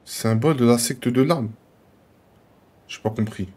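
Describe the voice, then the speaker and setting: A man streaming a video game, commenting in an excitable, slangy, joking way and talking to his viewers. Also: medium pitch, a little slow, slightly rough. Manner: jumps to excited yelps. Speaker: gaming streamer. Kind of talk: excitable let's-play commentary.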